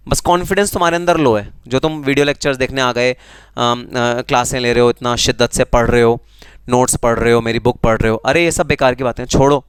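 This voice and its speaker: A man's voice: mid-range voice, clear, resonant tone, no room sound. A man with an Indian accent teaching a live online tax class, teasing students and answering their comments in a conversational way. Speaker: GST teacher.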